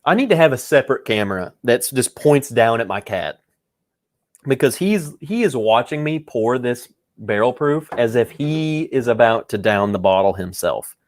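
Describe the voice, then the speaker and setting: With a medium-pitched, animated voice at a moderate pace, a man hosts a relaxed whiskey tasting livestream. He rambles and cracks jokes while talking with the people watching.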